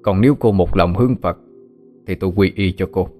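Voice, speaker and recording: A gentle Buddhist master with a low, soft-spoken voice, as a male storyteller puts him on. He speaks in a measured, unhurried way, with a faint wash of music behind him. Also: close to an everyday voice. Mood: calm.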